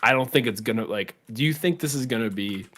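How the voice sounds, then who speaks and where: A man co-hosting a casual film review podcast, easygoing and quick to agree, often laughing along. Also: medium pitch, fairly bright tone. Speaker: podcast co-host.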